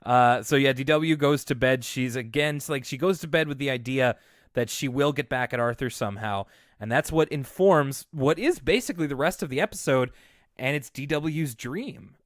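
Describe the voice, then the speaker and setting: A man's voice: medium pitch, normal speed, dry recording. Dry-voiced wry male podcast co-host. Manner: chatty, wry, with many fillers. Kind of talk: casual chat.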